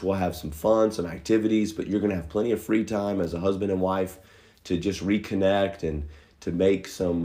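With a voice that sits low and carries a dark tone, a middle-aged pastor reads out sincere, down-home church announcements for an online audience. He's at home in his living room, slightly hoarse from a cold and pausing often with fillers.

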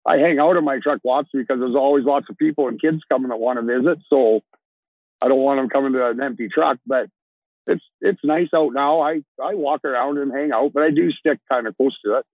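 A man's voice: medium pitch, a little fast, dry recording. A man in his sixties from Alberta, a trucker talking casually over a video call from inside his truck cab, plain-spoken and rambling with restarts. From Alberta, Canada. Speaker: trucker guest. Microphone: earbuds on a video call. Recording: dry, tinny video call audio.

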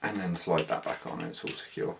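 Low-voiced British man, casual vlogger. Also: wildly swooping pitch, fairly quick, gravelly, heavy background noise. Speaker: motovlogger. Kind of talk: casual hands-on product walkthrough. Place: small living room, indoors.

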